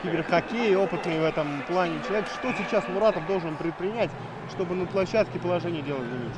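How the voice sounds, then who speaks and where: A man's voice: sits high, fast talker. A man co-commentating a live esports hockey match in a chatty back-and-forth style. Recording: noisy venue with crowd behind the voice. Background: crowd and venue noise.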